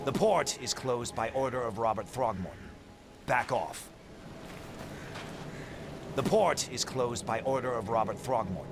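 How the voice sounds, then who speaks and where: Creaky, stern port guard. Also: male voice, mid-range voice, measured pace, long pauses, noisy background. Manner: curt, official. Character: stern, hostile male port guard turning people away. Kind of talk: video game character dialogue.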